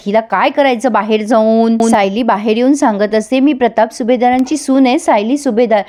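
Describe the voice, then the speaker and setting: A woman's voice: a little high, dark tone. A woman reviewing a TV serial, retelling the episode and quoting each character's lines in turn while speaking to viewers.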